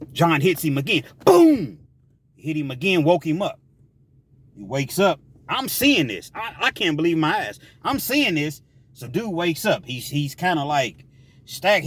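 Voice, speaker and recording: A man telling a story from prison life in a casual, emphatic way, with shouted sound effects. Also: a little high.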